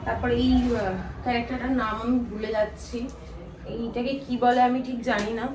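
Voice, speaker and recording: A tired family vlogger chats casually with her viewers at home, complaining about chores and lost sleep. Her slightly high voice is flat and a little fast, and the recording is noisy and echoey, with her distant from the mic.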